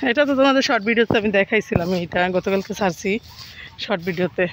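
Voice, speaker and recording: A woman from Bangladesh vlogging as she walks along a village road, speaking quietly and a little muffled by a face mask. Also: medium pitch, fast, noisy background. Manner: soft-spoken, talks quietly in public. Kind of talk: casual walking vlog.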